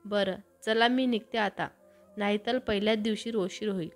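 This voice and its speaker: A woman's voice: mid-range voice, steady tone, normal speed, soft background music, lightly acted. A woman voicing a young college student in a storybook tale, with a teasing, slightly pouty delivery. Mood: cheerful.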